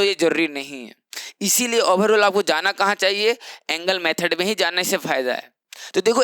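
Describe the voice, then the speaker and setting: A man's voice: sits high, bright, forceful tone, clear, resonant tone, no echo. A young man teaching chemistry in an exam-prep lecture, explaining step by step and asking rhetorical questions that he answers himself.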